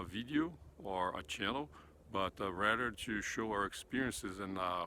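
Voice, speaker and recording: A Brazilian beekeeper and channel host with a Brazilian Portuguese accent shows off his backyard beehives in a casual walkthrough vlog, recorded outdoors in a wooded apiary. He speaks hesitantly, with many "uh" fillers and restarts, in a lowish voice with a sharp tone. There's slight background noise.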